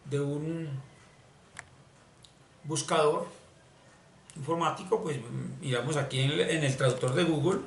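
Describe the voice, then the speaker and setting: A man teaching spiritual ideas in an explanatory lesson, talking slowly and deliberately and repeating words for emphasis. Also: on the high side, fairly even intonation. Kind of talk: explanatory screen-share lesson. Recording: echoey room, distant mic, faint hiss.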